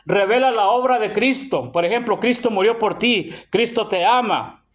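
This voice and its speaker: A middle-aged Mexican preacher with a high voice for a man teaches a church sermon in Mexican Spanish. He uses call-and-response, tossing questions to the congregation and ending almost every phrase with "hermano," and he slows to a drawn-out, emphatic pace when reading scripture.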